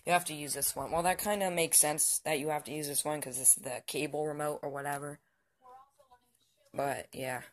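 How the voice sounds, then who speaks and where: In a fairly high voice with fairly even intonation and a moderate pace, a young male amateur vlogger, teenage or barely adult, rambles through an off-the-cuff show-and-tell. He hesitates and often trails off while standing by the TV at his home.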